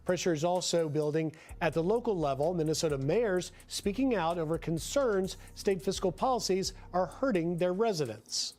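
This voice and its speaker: A news reporter reads a scripted segment in an even, measured broadcast delivery at a middle pitch.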